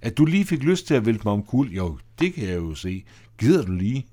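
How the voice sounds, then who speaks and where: A man voicing a brisk, sharp-tongued woman in an audio drama. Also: on the low side, very animated, slightly rough. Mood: indignant. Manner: brisk, indignant.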